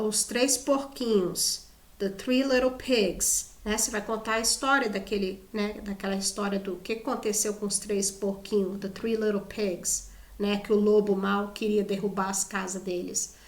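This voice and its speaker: A woman's voice: medium pitch, steady tone, unhurried, roomy sound. A Brazilian woman teaching English in casual Portuguese, chatty, often adding "né?" and restarting words. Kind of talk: casual video lesson.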